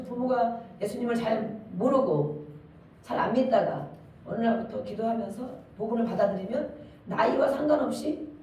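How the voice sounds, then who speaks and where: A woman's voice: medium pitch, darkish tone, very echoey, recorded from a distance, slight background noise, rough recording. A woman preaching a sermon in a conversational way, asking her listeners questions and acting out quoted lines.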